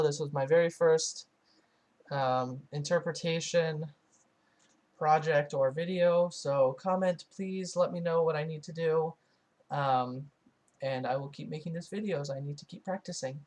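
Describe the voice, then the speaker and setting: A trainee interpreter speaking in a hesitant, halting way, as in live voice-over translation, with frequent pauses. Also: mid-range voice, a little mellow.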